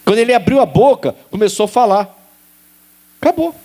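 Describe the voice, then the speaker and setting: Animated high-voiced male preacher. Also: a little fast. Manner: animated preaching, rising to high exclaims and dropping low; acts out quoted dialogue. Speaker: pastor. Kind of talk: sermon.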